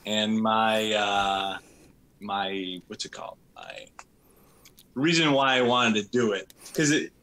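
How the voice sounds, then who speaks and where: A man's voice: fairly low pitch, big pitch swings, slow, creaky, bright, forceful tone. A man being interviewed about his band, talking in a laid-back way with frequent laughs. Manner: laid-back, laughs often, drawls words. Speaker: drummer and interview guest. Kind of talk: casual interview chat.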